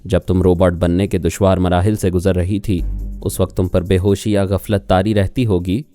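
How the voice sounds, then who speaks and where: A man voicing a calm male telepath who reasons patiently on the phone, in an audiobook reading. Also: low-pitched, faint music behind, lightly acted. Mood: persuasive.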